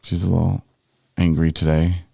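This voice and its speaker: A man's voice: deep voice, flat delivery, normal speed, gravelly, warm tone, breathy edge, dry recording. A man co-hosting a podcast in casual, rambling conversation. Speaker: podcast host. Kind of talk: casual chat.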